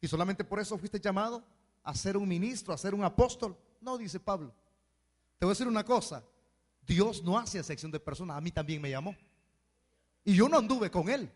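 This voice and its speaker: A man preaching a sermon as pastor, with animated asides where he mimics complaining people. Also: high-pitched, fairly quick. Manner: preaching with acted asides in mocking voices. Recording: hall reverb.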